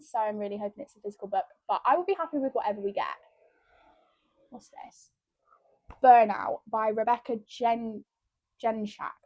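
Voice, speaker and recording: A chatty woman talks straight to her viewers in a casual book vlog, excitable and rambling. Her voice sits a little high. The sound is close and dry, with almost no room in it. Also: no room sound, highs cut off. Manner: chatty and excitable, keeps addressing viewers as guys. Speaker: book vlogger. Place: room at home with window open.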